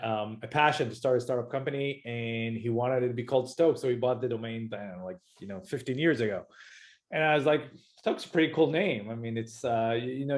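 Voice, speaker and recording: A man in his forties with an Israeli accent, a startup founder talking casually in an interview, relaxed and hesitant. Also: medium pitch. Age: 40s. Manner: hesitant, many fillers and restarts, relaxed.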